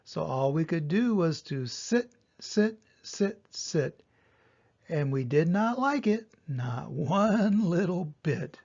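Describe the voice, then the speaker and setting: An older man reading a children's story as a grandfather, expressively, with dramatic pauses and stresses. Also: on the high side, animated, creaky, darkish tone, husky, dull audio.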